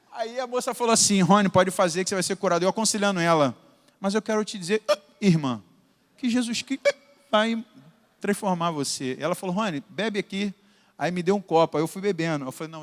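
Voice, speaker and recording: A Brazilian man preaching a sermon, telling personal stories and acting out the dialogue in them. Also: high-pitched. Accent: Brazilian Portuguese. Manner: animated, acts out dialogue in his stories. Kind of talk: sermon with storytelling. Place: church hall. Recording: long hall reverb.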